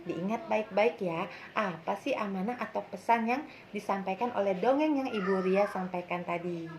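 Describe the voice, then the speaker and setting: A woman primary school teacher telling a story to children in a lively, expressive way, then explaining its lesson. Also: mid-range voice, normal speed, crowd noise.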